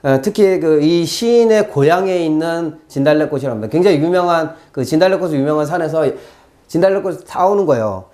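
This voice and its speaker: Exam-prep lecturer, mid pitch with a very lively melody, who dramatizes quotes and asks rhetorical questions. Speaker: exam-prep literature teacher. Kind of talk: recorded classroom lecture.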